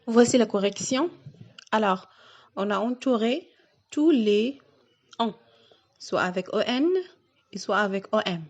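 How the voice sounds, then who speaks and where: A woman teacher going through a reading lesson for young children, speaking slowly and carefully and stretching out the key words. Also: mid-range voice. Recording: dull lo-fi sound.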